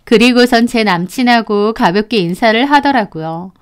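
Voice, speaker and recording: A woman narrating a first-person story in an even, storytelling delivery. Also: fairly high pitch, normal speed, smooth.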